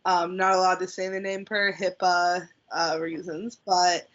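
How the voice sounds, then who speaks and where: Slow-talking hesitant woman guest. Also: lowish voice, little pitch movement, a bit bright. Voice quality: hesitant, with fillers. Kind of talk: casual chat. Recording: dull lo-fi recording.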